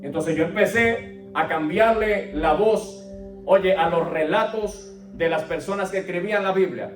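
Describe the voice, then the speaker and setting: A man's voice: high-pitched, unhurried, echoey room, distant mic, soft background music. A man preaching a sermon, telling a candid, humorous story of his own. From Puerto Rico and Colombia.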